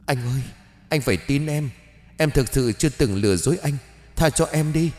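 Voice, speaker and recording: A man's voice: fairly high pitch, moderate pace, a little mellow, reverberant, in a large hall, voice pushed up, close to an everyday voice. A man voicing a desperate young wife who begs her husband to spare her. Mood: pleading. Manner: begging, tearful.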